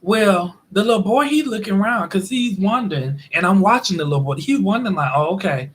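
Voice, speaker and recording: A man telling a comic story from his own day in a lively, animated way, dropping quiet asides between loud bursts. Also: high voice, a little fast, slightly rough, rough recording. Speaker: storyteller vlogger. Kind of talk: comedic storytelling.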